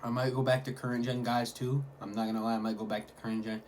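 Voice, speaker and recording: A man's voice: mid-range voice, flat delivery, fast talker, a little mellow. A man talking casually in a food vlog, hyping things up in repetitive slang. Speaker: mukbang vlogger. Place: at home. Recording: clearly noisy home recording.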